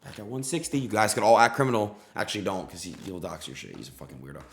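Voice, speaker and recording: Young guy streamer cussing at the table, lowish voice, echoey room. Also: quick pace, creaky. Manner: swearing, loud outbursts and muttering. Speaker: livestreamer. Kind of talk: live gambling stream chat.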